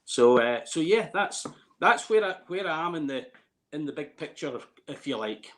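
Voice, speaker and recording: A man's voice: fairly high pitch, lively intonation, moderate pace. A man in his late fifties from Scotland with a Scottish accent, chatting casually in an interview in a hesitant, rambling way, repeating words as he goes. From Scotland, near Glasgow. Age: late 50s. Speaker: distillery warehouse tour guide.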